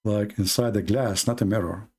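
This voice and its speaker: A man giving late-night livestream commentary, mocking and halting, with sarcastic asides. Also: fairly low pitch, steady tone, darkish tone, husky. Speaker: online debate streamer.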